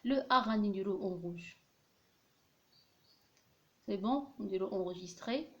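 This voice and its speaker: A woman's voice: medium pitch, lo-fi sound. Moroccan woman teaching French grammar. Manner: slow, careful dictation of French example sentences; mixes French grammar terms into darija explanations. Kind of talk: classroom-style grammar lesson.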